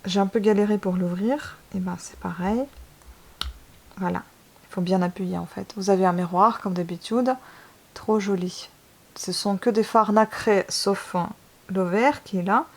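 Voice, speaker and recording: A woman's voice: medium pitch, fairly even intonation, measured pace. A woman beauty vlogger in a casual unboxing video. She talks enthusiastically and gushes often, with many hesitations. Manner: gushing, enthusiastic, lots of hesitations.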